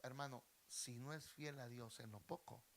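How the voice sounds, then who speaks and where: A man's voice: medium pitch, fairly even intonation, normal speed, vocal fry, slight background noise. A man, a pastor preaching a sermon with fervor and often addressing listeners as brother. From Mexico.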